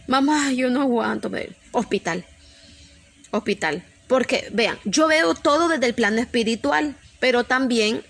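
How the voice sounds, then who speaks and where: Woman preacher, personal testimony, earnest, fairly high voice, repeats and restarts often. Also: a bit bright. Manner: earnest, repetitive storytelling with many restarts. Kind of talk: emotional testimony to a congregation.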